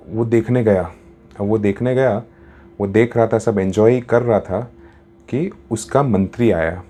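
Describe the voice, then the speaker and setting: A man's voice: lowish voice, mellow. A man telling a story in a casual, chatty way, mixing in English words, as a storyteller and happiness coach.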